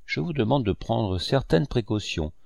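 A man's voice: mid-range voice, very animated, moderate pace, vocal fry, a little mellow, no room sound. A man reading an audiobook, voicing a blunt male ship captain who speaks formally and firmly. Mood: stern. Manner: formal, firm, clipped.

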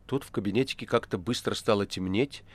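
A man narrating an audiobook in an expressive reading voice. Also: fairly low pitch, brisk, no room sound. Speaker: audiobook reader. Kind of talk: literary narration.

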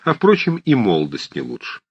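A man's voice: fairly low pitch, huge pitch swings, brisk, husky, no echo, highs cut off, heavily acted. A man reading an audiobook voices a fussy, chattering old woman who bustles about. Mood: fussing. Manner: chattering, scolding fussily.

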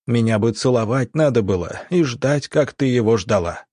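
A man voicing a smug, scheming military doctor who wheedles and snarls, with a husky voice. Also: mid-range voice, animated, normal speed, a little mellow, no echo, studio quality, close to an everyday voice. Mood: wheedling.

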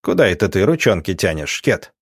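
Brief: a man voicing a gruff sneering captain, raised and loud, audiobook, dry close sound. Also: sits low, big pitch swings, fairly quick, no echo, heavily acted.

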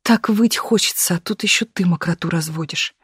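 A reader voicing a frightened, weary young actress who speaks quietly and pleadingly, often close to a whisper. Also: medium pitch, moderate pace, slightly rough, no echo.

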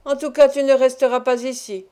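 Woman reading gruff greedy peasant, shouts, mellow tone, audiobook. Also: high voice, level tone, a little fast, natural voice. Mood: angry. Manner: shouting, harsh.

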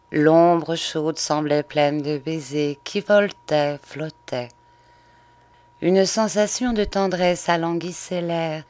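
A woman narrating a literary audiobook in a measured, expressive way. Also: deep voice, dry recording.

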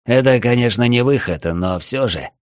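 A man's voice: medium pitch, animated, moderate pace, no room sound, studio quality, voice pushed up, close to an everyday voice. A man doing a cocky, joking young raft captain. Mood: jaunty. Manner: wisecracking, brash.

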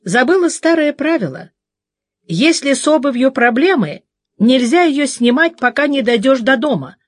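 A woman's voice: mid-range voice, very animated, normal speed, slightly rough, dry recording, studio quality. A woman voicing a wry, grumbling detective. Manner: wry inner monologue, mock-suffering. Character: wry, tough woman detective in her forties. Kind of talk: audiobook character voice.

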